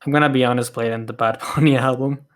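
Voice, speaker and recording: Halting man in casual chat. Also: mid-range voice, steady tone. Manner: halting, with frequent restarts and soft laughs. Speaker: podcast host and music reviewer.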